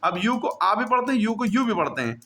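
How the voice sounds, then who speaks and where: A man's voice: sits high, big pitch swings, fairly quick, sharp tone. A man teaching a classroom grammar lesson, who keeps repeating questions to his pupils.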